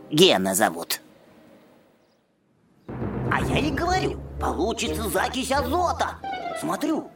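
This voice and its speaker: An earnest, bookish cartoon boy who lectures eagerly about science, played by a woman. His voice sits fairly low for the part but moves a lot.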